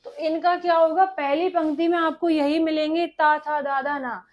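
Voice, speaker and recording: A woman's voice: high voice, steady tone. A woman teaching an exam-prep grammar lesson, dictating and repeating phrases so students can write them down, and answering her own questions. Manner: dictating slowly, repeating phrases for note-taking.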